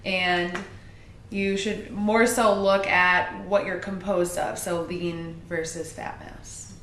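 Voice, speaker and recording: A woman personal trainer talking casually as a guest, with hesitant pauses and frequent fillers. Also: on the low side, steady tone, fairly bright tone, slight background noise. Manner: hesitant, many ums. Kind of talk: casual chat. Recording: roomy echo, distant mic, faint ambience.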